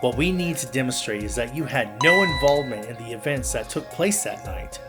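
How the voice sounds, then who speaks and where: An earnest young defense attorney, voiced by a man, calm and methodical in a mid-range voice. Game music plays clearly behind. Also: medium pitch, brisk, close to an everyday voice.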